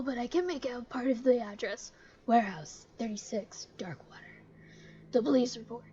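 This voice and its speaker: A woman's voice: on the high side, warm tone, dull audio. A woman streamer giving casual gameplay commentary, chatty and joking, reading game text aloud.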